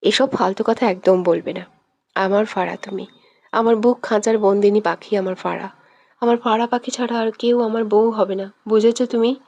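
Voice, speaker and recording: A woman voicing a possessive young man who speaks softly and low but turns harsh and commanding when angry, in a romantic audio story. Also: normal speed, dull audio, natural voice. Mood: soft, coaxing. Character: stern possessive young man, tender yet quick-tempered. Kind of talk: scripted audio drama reading.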